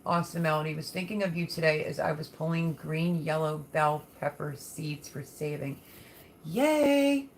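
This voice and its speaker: Lower-pitched chatty woman, noisy livestream. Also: flat delivery, normal speed, few pauses. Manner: chatty, folksy, affectionate with viewers. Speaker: livestream host. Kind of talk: casual live chat, reading and answering viewer comments.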